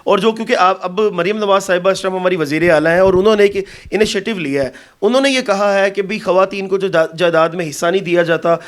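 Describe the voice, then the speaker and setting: A man from Pakistan conducts an interview in a fairly high voice. He asks sympathetic, probing questions and answers with firm comments. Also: hardly any pauses.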